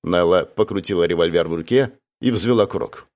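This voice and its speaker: A man reading a novel aloud in steady scripted narration. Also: low voice, brisk. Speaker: audiobook narrator.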